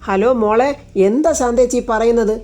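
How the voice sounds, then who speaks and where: A woman's voice: fairly high pitch, normal speed, mellow, pitched above the performer's own voice, natural voice. A woman voicing a composed, caring young woman who speaks politely under strain. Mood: tense.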